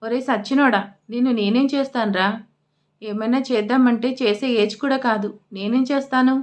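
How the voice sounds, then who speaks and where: A bossy, crude old grandmother, played by a woman narrator in an audio storybook. She snaps and scolds in coarse, quick retorts, her voice sitting a little on the high side. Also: steady tone, natural voice. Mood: scolding.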